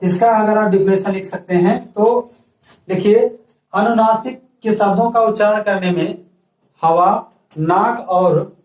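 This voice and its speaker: Male teacher, high-pitched, recorded far off in a roomy space, steady dictating classroom delivery. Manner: repeats "ठीक है" and asks students questions he answers himself; dictates slowly for note-taking. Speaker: school teacher. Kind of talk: classroom grammar lesson. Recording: echoey room, voice from far off the mic.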